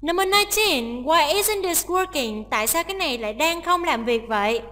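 A woman's voice: very high voice, animated, moderate pace, sharp tone, big-room sound. A woman teacher working through a listening test, reading each English line and then explaining it. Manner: explains each option, translating English lines aloud.

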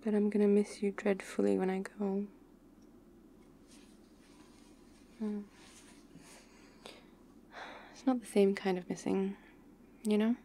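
A woman plays an affectionate, playfully pouty girlfriend in an ASMR role-play. Her voice is intimate, soft and mellow, with a gravelly fry at the edges. She speaks slowly and tenderly, over faint ambient noise. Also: mid-range voice, flat delivery, close to an everyday voice. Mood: tender, wistful.

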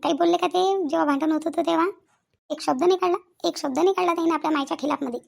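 Give me a woman playing a stubborn young wife, fast and high-pitched. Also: vocal fry, full character voice. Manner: complaining, repeats herself. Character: sulky stubborn young wife at her mother's. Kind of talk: cartoon voice acting.

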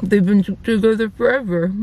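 A young woman talks through a mouthful of food, her words softened by chewing as she rambles on in a casual confessional tone. Her pitch sits in an average middle range, and a faint hiss of noise sits under the voice. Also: fairly even intonation, moderate pace. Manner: rambling, repeats herself, lots of "like". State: talking while chewing. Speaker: mukbang vlogger. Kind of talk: casual confessional chat to camera.

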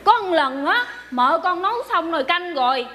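In a stage comedy skit, a woman plays a young, chatty servant loyally testifying for her mistress, earnest and gossipy, rambling and hesitating with lots of fillers. Her very high, fairly bright voice has lively intonation at a normal speed, with slight background noise.

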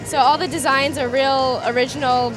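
Young woman designer with loud music behind. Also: sits high, normal speed. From Southern California. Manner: relaxed, filler-heavy, slightly trailing off. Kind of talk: casual interview at a trade show booth. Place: busy indoor trade show booth. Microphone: handheld interview mic.

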